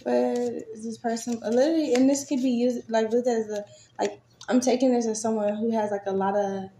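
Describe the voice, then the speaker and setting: A woman's voice: fairly high pitch, fairly even intonation, fairly quick, dark tone. A woman giving a casual tarot reading, chatty and swearing freely, with many fillers. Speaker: tarot reader. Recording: echoey room, faint noise.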